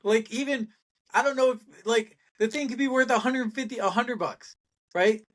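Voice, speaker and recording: A middle-aged man co-hosting a casual business chat, animated and rambling, laughing often and talking bluntly with some swearing. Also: very high-pitched, normal speed. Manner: blunt, salty language. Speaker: podcast co-host.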